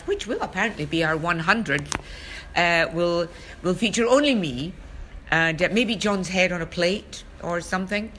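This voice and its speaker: A woman's voice: fairly low pitch, sharp tone, slight background noise. A woman co-hosting a podcast, telling a story in a chatty, wry, teasing way. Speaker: podcast co-host. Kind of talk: casual chat.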